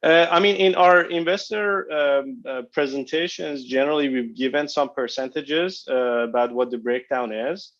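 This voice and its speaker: A man's voice: medium pitch, moderate pace, hardly any pauses, a bit bright. A man, a company executive, answering analysts' questions on a conference call, speaking hesitantly with many fillers and restarts. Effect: conference call phone line. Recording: dull lo-fi conference line.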